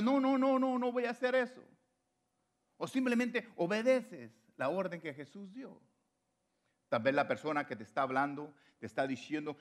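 Preacher guy giving a sermon, kinda high voice, repeats stuff for emphasis, goes soft then loud. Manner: emphatic, repeats phrases for stress; swings between soft, low lines and loud, high ones.

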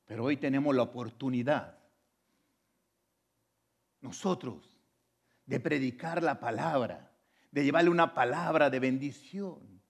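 A man preaching a sermon as pastor at a church service, moving between loud fervent appeals and hushed, quiet passages. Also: mid-range voice, a little slow, gravelly, pauses often.

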